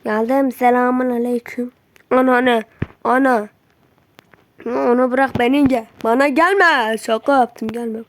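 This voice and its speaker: A woman with a high voice talks through a game she is playing, in no hurry between bursts. She yelps at threats, shoos enemies away with slangy jabs and drops to muttering to herself. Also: flat delivery, measured pace, pauses often, a little hiss or hum. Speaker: gameplay streamer. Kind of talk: live gameplay commentary.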